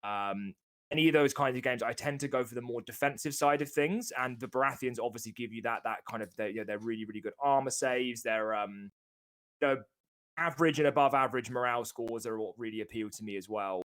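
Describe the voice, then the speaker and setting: A man's voice: medium pitch, a little fast, a bit bright. A man, a gaming creator from England, answering casually with many ums and restarts.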